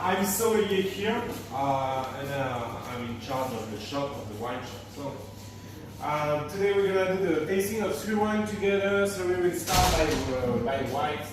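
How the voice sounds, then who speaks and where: A man with a French accent hosts a wine tasting as a sommelier, pausing often with fillers and joking about himself. He sits at a middling-high pitch for a man. He is heard from across a strongly echoing room with clear background noise. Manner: hesitant, many fillers, self-joking. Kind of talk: guiding a tasting for visitors. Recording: roomy, echoing, distant, noisy.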